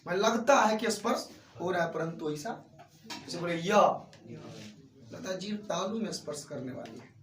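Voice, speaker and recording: Man, Bihari accent, classroom teacher, quizzing pupils, high voice, echoey room far from mic. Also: animated, moderate pace, long pauses, fairly bright tone. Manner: asks the class questions and answers them himself. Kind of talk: classroom grammar lesson.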